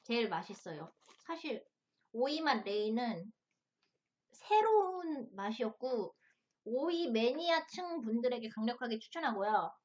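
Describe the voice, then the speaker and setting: A woman's voice: a little high, expressive, normal speed, highs cut off. A woman hosting a casual mukbang review, talking as she tastes crunchy chips and snacks. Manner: tasting and eating chips and snacks while talking.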